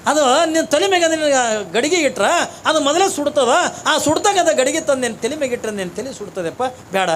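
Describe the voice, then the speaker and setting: A man's voice: extremely high pitch, lively intonation, fairly quick, fairly bright tone, slight background noise. A man voicing a poor, grieving village woman who pleads humbly with a holy man. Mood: pleading.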